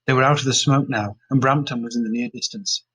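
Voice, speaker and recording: A man narrating a story in a steady, plain way. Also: mid-range voice, quick pace, breathy edge, low-quality recording. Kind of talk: storybook reading.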